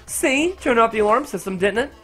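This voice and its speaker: A man's voice: very high voice, animated, fairly quick, fairly bright tone, husky, soft background music, pitched above the performer's own voice, exaggerated voice. A man voicing a mischievous male robot bear who taunts the players in a video game, with a sing-song, teasing delivery.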